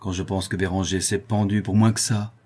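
A man voicing a bitter, sharp-tongued townswoman in a spoken storybook, scolding in a raised voice. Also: low-pitched, level tone, a little fast.

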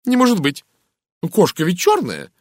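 A man voicing a nervous, chatty middle-aged American woman in an audiobook, raising his voice high and gushing. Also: wildly swooping pitch, moderate pace, a little mellow, no echo, studio quality, exaggerated voice.

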